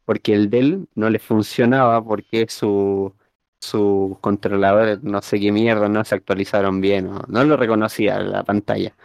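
A man's voice: lowish voice, steady tone, normal speed, creaky, dry recording, studio quality. A man with a Chilean accent co-hosting a casual chat, rambling and tripping over words as he reads aloud. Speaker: podcast co-host.

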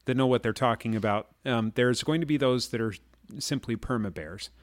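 A man casually explaining markets and trading, pausing to ask "okay?" and "all right?" as he goes. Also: medium pitch, dry recording, clean studio sound. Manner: explains slowly with frequent "okay?" and "all right?" check-ins. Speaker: market commentator. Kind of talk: casual finance chat.

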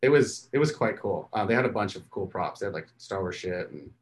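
A man's voice: low voice, fairly quick. A man, a podcast co-host, chatting casually and telling stories animatedly, laughing often. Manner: animated storyteller, laughs often, acts out his kids' voices. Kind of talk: casual chat.

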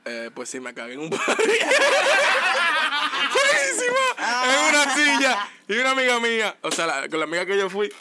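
A man's voice: sits high, fast, hardly any pauses, heavy background noise. A Dominican man hosting a casual podcast chat and telling jokey stories. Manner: joking, lively storyteller. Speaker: podcast host.

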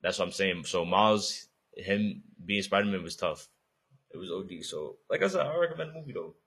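A man's voice: deep voice, animated, a little fast, fairly bright tone, husky. A young man co-hosting a podcast, chatting casually in a slangy, laid-back way with frequent swearing. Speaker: podcast co-host. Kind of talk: casual chat.

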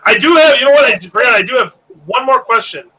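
A man's voice: very high-pitched, expressive, quick pace, bright, forceful tone, low-quality recording. A man in his late thirties hosting a podcast live stream, chatting casually in a laid-back, rambling way with plenty of fillers. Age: 30s. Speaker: podcast host.

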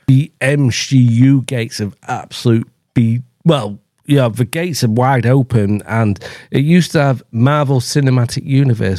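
A man's voice: medium pitch, a little mellow, no room sound, studio quality. A man hosting a podcast, giving a profane, improvised rant in a mock-horrified commentary voice. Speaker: podcast host.

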